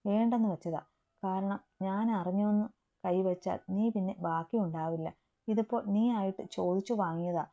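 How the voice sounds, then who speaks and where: A woman's voice: mid-range voice, steady tone, normal speed, narrow, tinny audio, natural voice. A woman voicing a hot-tempered young college man who barks harsh orders, in a storybook reading. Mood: cold threat.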